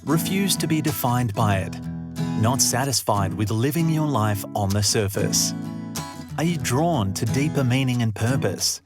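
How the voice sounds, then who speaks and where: A man reading a scripted podcast intro slowly, asking questions in a measured way. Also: medium pitch. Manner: slow, measured, inviting. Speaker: show intro announcer. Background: loud guitar music.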